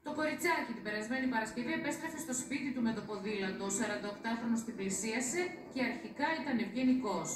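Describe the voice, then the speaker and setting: A woman's voice: fairly high pitch, crowd noise. Woman news reporter, formal scripted read, mic a bit distant. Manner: steady formal reading. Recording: echoey, distant.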